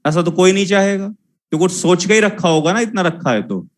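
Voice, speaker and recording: A man's voice: high-pitched, lively intonation, fairly quick. A young man teaching a zoology class, lecturing and scolding his students again and again in a repetitive way.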